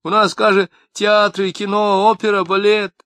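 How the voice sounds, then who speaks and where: A man's voice: flat delivery, moderate pace, fairly bright tone, no room sound. A man doing a tearful young wife with a southern lilt. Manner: high, agitated, plaintive. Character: young woman, tearful, quick-tempered, southern speech.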